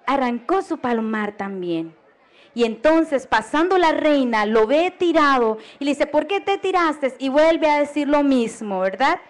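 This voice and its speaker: A woman's voice: high-pitched, lively intonation, measured pace. A woman with a Costa Rican accent telling a folk tale to children, often stopping to ask them questions and invite them to join in. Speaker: storyteller. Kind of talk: oral storytelling for children. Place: radio program.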